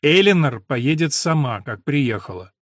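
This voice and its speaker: A reserved middle-aged doctor from an audiobook, firm and clipped, sending someone away without warmth, voiced by a male reader close to his own voice. The voice is somewhat high for a man and the recording is dry. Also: lively intonation, unhurried, no echo.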